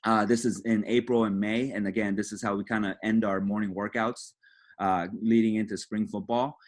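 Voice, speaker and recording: A man, a high school football coach, giving a conversational clinic presentation to other coaches, often checking in with "right?" and repeating "again". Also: little pitch movement, moderate pace.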